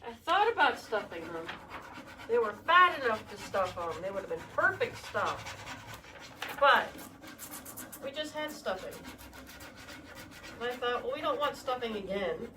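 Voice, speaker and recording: An easygoing woman co-host banters through a live painting demo. Her voice is somewhat high and picked up from across the paint room. Clear background noise runs under her. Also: very animated, measured pace, pauses often, recorded from a distance. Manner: easygoing, laughs along. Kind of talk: casual banter.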